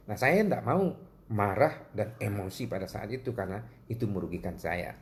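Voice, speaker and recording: Pendeta pria bercerita dalam khotbah. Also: male voice, animated, normal speed, a little hiss or hum. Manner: storytelling, addresses listeners as brothers and sisters; acts out quoted voices with higher pitch. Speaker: pastor. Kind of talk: livestreamed prayer sermon.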